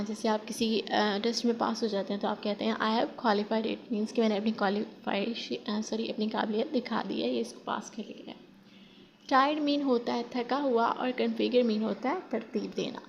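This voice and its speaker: A woman teaching a spoken English lesson in Hindi, drawing out example phrases slowly and often correcting herself. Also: on the high side, creaky, dull audio, a little hiss or hum. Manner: slow drawn-out example phrases, frequent self-corrections.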